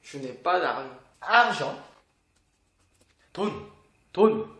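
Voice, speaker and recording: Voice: medium pitch, animated, unhurried, fairly bright tone, roomy sound. A teacher giving a language lesson, patiently explaining and asking the viewer questions. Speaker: Korean teacher.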